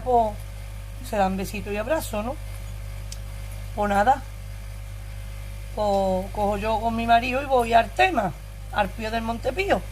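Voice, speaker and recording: A woman's voice: mid-range voice, darkish tone, a little hiss or hum. A woman in her forties with an Andalusian Spanish accent, telling her own story to her viewers in a blunt, earthy, emotional way and swearing freely. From Andalusia, Spain. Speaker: vlogger.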